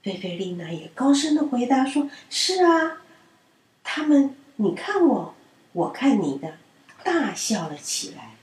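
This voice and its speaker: A woman reading children's stories aloud in a gentle storyteller manner. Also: medium pitch. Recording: roomy and distant.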